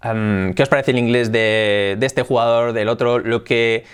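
A man with an accent from Spain teaching in a casual video lesson, switching between Spanish and English, lively, repeating words and ending phrases with "¿ok?". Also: mid-range voice, normal speed, clear, resonant tone.

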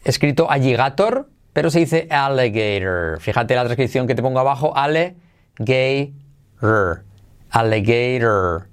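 Playful teacher drilling English words. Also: male voice, mid-range voice. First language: Spanish. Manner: playful, repeats words slowly to drill pronunciation. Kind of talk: podcast lesson.

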